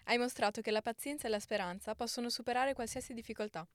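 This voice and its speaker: A woman's voice: on the high side, fast talker, dry recording, clean studio sound, lightly acted. A woman voicing Claudia, an earnest adult shelter worker, in an audiobook story.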